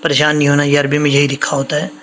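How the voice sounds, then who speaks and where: Male recitation teacher, bright and a touch high, patient explainer who slowly chants Arabic examples. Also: monotone, slight background noise. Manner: explains patiently, repeats rules, sings Arabic verses slowly. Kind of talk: Quran reading lesson with recitation.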